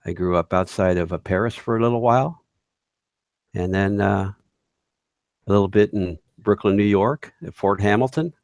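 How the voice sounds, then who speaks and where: A man in his sixties, a guest on a live online call, telling his story calmly and slowly with pauses. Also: lowish voice, no room sound. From United States. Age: 60s. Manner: calm, measured, with pauses. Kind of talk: casual interview over a live call. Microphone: online call mic.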